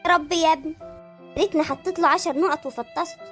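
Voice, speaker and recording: A high sped-up voice playing a jealous, nagging middle-aged wife and mother in a comic cartoon, with an Egyptian accent and a shrill, wailing manner. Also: fairly even intonation, fast, a bit bright, soft background music. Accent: Egyptian Arabic.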